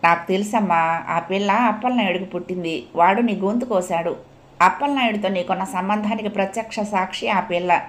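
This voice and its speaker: A blunt, streetwise man, read by a woman narrator in a storybook, matter-of-fact when he states hard truths and gently consoling afterwards. The voice stays close to her own reading voice. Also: medium pitch, fairly quick, close to an everyday voice.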